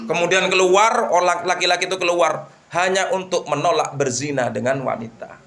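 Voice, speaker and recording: A man teaching an Islamic book study, telling a moral story with lively rhetorical questions. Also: sits high, moderate pace, gravelly, crowd noise. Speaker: religious teacher.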